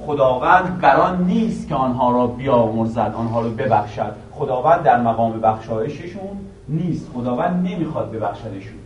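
A male teacher giving a classroom grammar lesson, quizzing his students with questions and reciting a verse slowly again and again. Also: medium pitch, muffled recording, a little hiss or hum. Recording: echoey room, voice from a distance.

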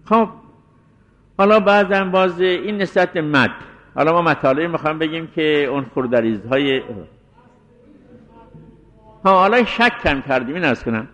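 A man giving a deliberate scholarly lecture as a seminary teacher, explaining and restating his points. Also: fairly high pitch, a bit bright. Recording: dull lo-fi recording in a reverberant hall.

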